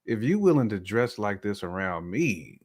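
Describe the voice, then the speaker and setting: This man co-hosts a talk show podcast, offering a man's point of view through casual, colloquial, slangy opinions. His voice sits on the low side with a darkish tone, swinging widely in pitch at a moderate pace.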